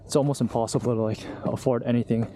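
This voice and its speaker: Hiking uphill and short of breath, a young man gives loose, honest vlog chatter to his camera on an outdoor trail. He talks fast in a steady, medium-pitched voice. The outdoor recording has noticeable background noise.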